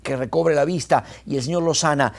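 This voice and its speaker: Brief: male pastor, lively sermon delivery, swings in pitch and pace. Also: a little fast, creaky. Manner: animated, retells scenes with quoted voices, restarts.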